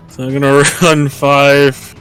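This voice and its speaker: A man's voice: medium pitch, a bit bright, smooth. A man playing a tabletop game, wry and sighing at his character's bad luck. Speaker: player.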